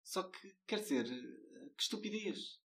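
A young man with a European Portuguese accent, telling a story in casual chat in a blunt, animated way with frequent restarts. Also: a little high, unhurried, vocal fry. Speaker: co-host telling a customer service story.

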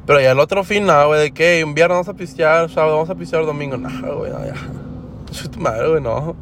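A young man with a Mexican Spanish accent hosts a podcast, rambling through a casual everyday monologue full of slang and fillers. His voice runs on the high side, he speaks a little fast, and faint background noise can be heard.

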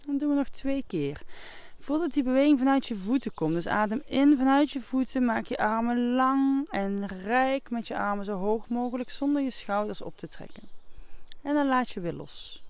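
A yoga instructor guiding movement and relaxation in a calm, soothing, unhurried manner. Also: mid-range voice, clear, resonant tone.

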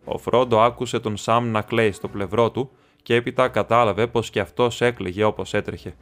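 A man narrating an audiobook in a measured, steady storytelling manner. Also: fairly low pitch. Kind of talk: scripted narration.

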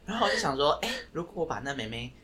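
A young man with a Taiwanese Mandarin accent, a guest in a casual chat, telling stories in an animated way and apologizing sheepishly. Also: mid-range voice, very fast, very noisy.

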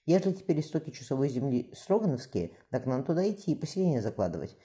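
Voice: medium pitch, very animated, fast talker, mellow, pitched above the performer's own voice, natural voice. A reader voicing a stern Cossack ataman. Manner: blunt old-fashioned speech. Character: Cossack ataman, grown man, stern and decisive. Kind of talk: audiobook character voice.

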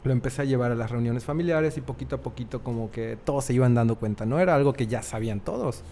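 A man's voice: medium pitch, fast, mellow, slight background noise. A young man with a Mexican Spanish accent, telling a personal story in a casual chat and laughing often. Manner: chatty, laughs often, acts out quoted voices.

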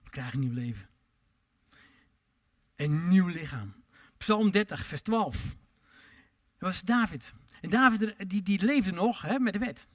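A man preaches with passion. He swings from loud, emphatic calls to hushed, low asides, and he draws out his words slowly when he quotes scripture. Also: animated. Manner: drawn-out pleading delivery when quoting scripture. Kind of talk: sermon.

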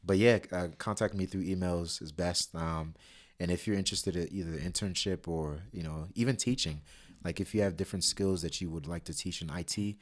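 Very deep-voiced man, casual guest. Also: brisk. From Sierra Leone. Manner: relaxed, laughs easily, fillers like "you know". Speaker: podcast guest. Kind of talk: casual interview chat.

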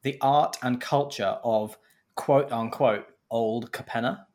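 A man's voice: mid-range voice, steady tone, slow, darkish tone. A man co-hosting a casual podcast, making dry, thoughtful remarks. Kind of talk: casual chat.

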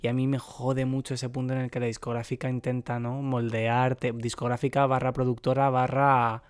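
A man's voice: medium pitch, little pitch movement, moderate pace, clear, resonant tone, no room sound. Earnest man, dry sound. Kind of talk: casual podcast chat.

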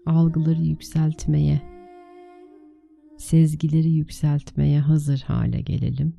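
A woman leading a guided meditation as a teacher, speaking in a gentle, soothing, unhurried way with pauses between short phrases. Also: low voice, flat delivery, creaky, soft background music.

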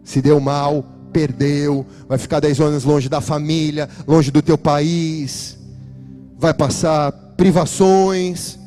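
A man's voice: a little high, fairly even intonation, takes it slowly, warm tone, faint music behind. A man with a Brazilian Portuguese accent preaching an emphatic church sermon as a pastor, addressing his congregation directly.

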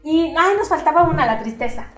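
A lively Mexican woman therapist talks through ideas with plenty of fillers, slipping into little acted-out voices. She sits a bit back from the mic, so her voice bounces around a roomy space. Her voice sits on the high side, with faint music underneath. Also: fairly quick, distant mic. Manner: animated, acts out quoted voices, many fillers. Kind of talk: conversational explaining.

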